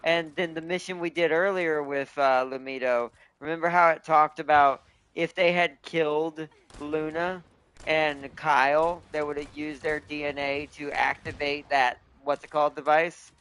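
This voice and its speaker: A man's voice: a little high, fairly even intonation, moderate pace, fairly bright tone, smooth. A man hosting a gaming video with casual, rambling commentary, thinking aloud as he plays. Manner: rambling, thinking aloud about game lore.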